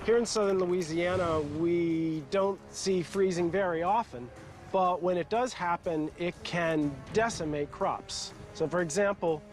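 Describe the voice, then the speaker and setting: A male scientist explaining things in a measured, precise way for a nature documentary. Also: sits high. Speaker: scientist expert. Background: music under the voice.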